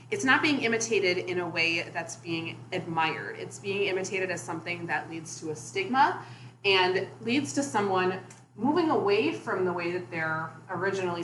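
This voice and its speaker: A woman's voice: mid-range voice, a bit bright. Young woman giving a class presentation. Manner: measured, explanatory, with occasional fillers. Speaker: student presenter. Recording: echoey room with faint noise.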